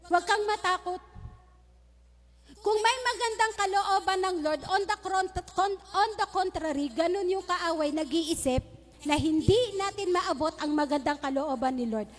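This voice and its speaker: High-voiced woman pastor preaching in a hall. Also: normal speed. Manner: humorous storytelling mixed with Taglish preaching. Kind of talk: sermon. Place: church hall. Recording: long reverb of a church hall.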